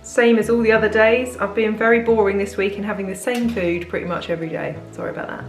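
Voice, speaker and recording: A woman's voice: mid-range voice, steady tone, quick pace, reverberant, music in the background, rough recording. A British woman in her thirties chatting candidly in a casual food vlog from her home kitchen, laughing easily as she talks. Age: 30s. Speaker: diet plan consultant and vlogger.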